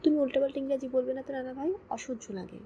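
A woman voicing a sharp-tongued teenage girl. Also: on the high side, brisk, creaky, a little hiss or hum, poor audio. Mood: snappish. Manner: sharp, snappish.

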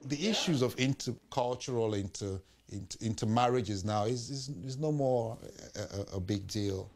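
A man's voice: medium pitch, normal speed. Man telling his story in an interview. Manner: relaxed storytelling, acts out quoted voices. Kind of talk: documentary interview. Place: indoor room with art behind.

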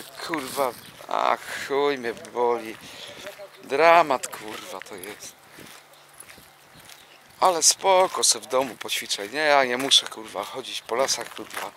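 A man's voice: mid-range voice, animated, measured pace, a bit bright. A young man walking through a housing estate, filming himself on a handheld camera and grumbling with constant swearing. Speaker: vlogger. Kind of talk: rambling walking vlog monologue. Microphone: handheld camera while walking. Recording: faint outdoor noise. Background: outdoor ambience, a dog nearby.

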